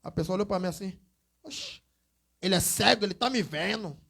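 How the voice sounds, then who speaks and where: High-voiced evangelist preaching. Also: male voice, fast talker, creaky, fairly bright tone, breathy edge. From Brazil. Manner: conversational storytelling, acts out quoted voices, exclamatory. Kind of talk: casual sermon teaching. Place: church hall.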